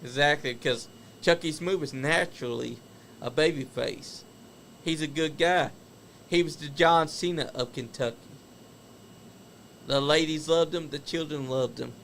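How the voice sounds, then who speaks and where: Gravelly chatty male wrestling host. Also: fairly high pitch, measured pace, pauses often, a bit bright, a little hiss or hum. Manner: chatty, opinionated, laughs at stories. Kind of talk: casual wrestling commentary.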